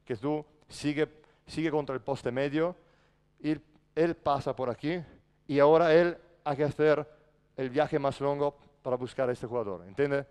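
A man's voice: fairly high pitch, normal speed, darkish tone, clean tone. A man coaching a basketball practice in a large indoor gym, barking short commands and then explaining patiently. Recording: echoey gym reverb.

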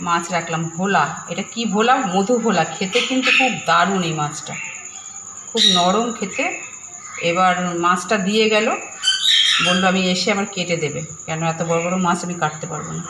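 A woman's voice: on the low side, moderate pace. Chatty middle-aged woman in an echoey home. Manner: chatty, talks to viewers and coaxes a pet. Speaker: vlogger. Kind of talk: casual home vlog chat. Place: home, indoors. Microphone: phone camera. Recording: echoey room with loud background noise.

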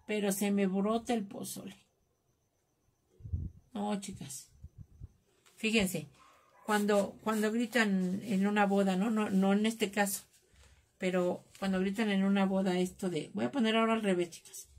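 A woman's voice: mid-range voice, flat delivery, unhurried, pauses often, slight background noise. A woman with a Mexican accent hosting a live craft class, chatting and joking with her viewers while she works. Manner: chatty, jokey, calls viewers "chicas".

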